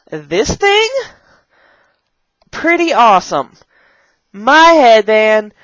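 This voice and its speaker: A woman's voice: mid-range voice, a bit bright, no room sound. A young woman who teaches English online chats in a bubbly, rambling way, recorded on a dull camera mic at home. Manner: bubbly and rambling, jumps into playful kid voices. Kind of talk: casual vlog chat showing props. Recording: dull, dry camera audio.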